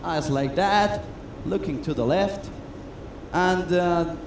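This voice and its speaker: Man, high voice, chatty self-mocking magician patter; echoey stage, noisy room. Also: takes it slowly. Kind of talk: comedic stage patter with audience. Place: cruise ship stage. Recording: echoey stage sound with noise.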